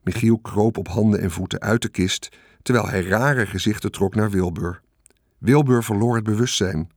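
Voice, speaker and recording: Steady male audiobook narrator, dry close sound. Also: on the low side, normal speed, no room sound. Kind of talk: scripted narration.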